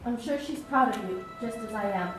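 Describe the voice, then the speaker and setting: A woman playing a compassionate, calm and steadfast wartime nurse in a stage play. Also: a little high, normal speed, natural voice. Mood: solemn, tender. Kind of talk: stage musical play dialogue. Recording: very echoey stage, distant mic, loud music.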